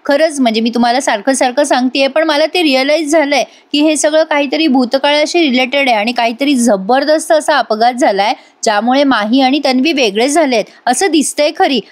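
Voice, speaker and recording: A high-voiced woman narrating a casual recap of a TV serial episode. She chats with her viewers directly and reads out each character's lines as she goes. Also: a little fast, few pauses.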